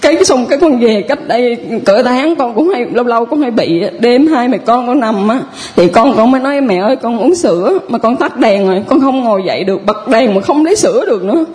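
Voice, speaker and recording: A woman with a southern Vietnamese accent, a parishioner giving a personal testimony in a halting, rambling way with many restarts. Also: on the high side, expressive, darkish tone.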